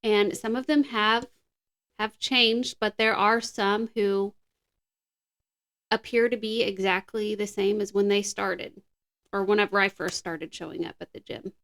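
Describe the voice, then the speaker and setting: A woman's voice: mid-range voice, fairly even intonation, unhurried, a bit bright. A woman co-hosting a casual podcast, upbeat and explaining exercise tips. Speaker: podcast co-host.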